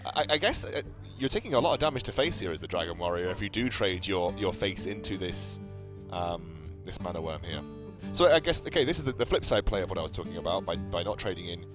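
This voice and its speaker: A man's voice: deep voice, lively intonation, fast, hardly any pauses. A man giving casual live card game commentary, thinking aloud and repeating phrases as he works through options. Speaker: esports commentator. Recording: game music with guitar behind. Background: game music with guitar.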